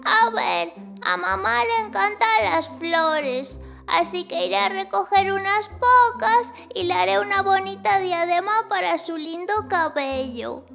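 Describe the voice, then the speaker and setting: A woman voicing a small, earnest young male penguin with a squeaky child-like voice in a children's story. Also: measured pace, creaky, sharp tone, faint music behind, exaggerated voice. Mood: thoughtful, eager. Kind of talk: children's audio story acting.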